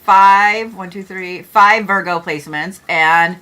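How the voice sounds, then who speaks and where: A woman's voice: lowish voice, slow, bright, forceful tone. A middle-aged woman hosting an astrology livestream, chatting casually and joking with viewers, with the odd swear word.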